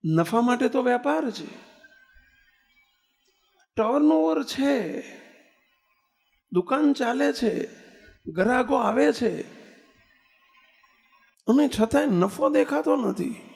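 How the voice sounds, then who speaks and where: A man's voice: very high voice, lively intonation, slow pace, vocal fry, long pauses. A man from Gujarat giving a sermon as a swami, asking rhetorical questions and telling stories with quoted dialogue. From Gujarat, India. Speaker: swami preaching a discourse. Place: temple assembly hall.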